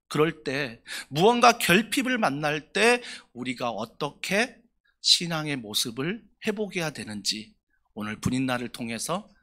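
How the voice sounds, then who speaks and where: A man's voice: medium pitch, sharp tone. A male pastor preaching an emphatic sermon in a church, often asking the congregation questions. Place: church sanctuary.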